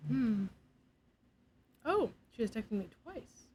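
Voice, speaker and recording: A woman's voice: on the high side, very animated, slow pace, mellow, slight background noise, poor audio. A young woman streaming, chatting casually and giggly, sometimes dropping to a near whisper. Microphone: desk mic.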